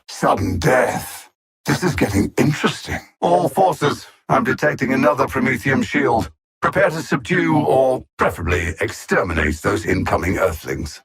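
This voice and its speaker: In scripted video game villain dialogue, a calculating alien machine-intellect speaks with haughty mockery, issuing formal, condescending threats. The medium-pitched voice is husky and gravelly, heavily acted, and swoops widely in pitch, conveying cold arrogance.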